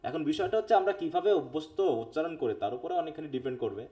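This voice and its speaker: Bengali guy teaching phonetics live, keeps asking students "right?", reads english bits slow. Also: a little high, expressive, mellow. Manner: explains step by step, often checks with students; reads English text aloud slowly. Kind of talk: live online class lecture.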